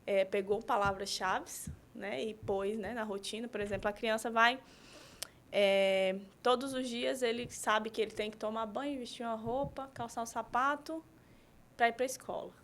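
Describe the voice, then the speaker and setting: Mulher pedagoga explicando com calma. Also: female voice, a little high, normal speed, slight background noise. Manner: explains with examples, frequent "né?". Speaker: guest, pedagogue and therapist. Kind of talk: conversational podcast explanation.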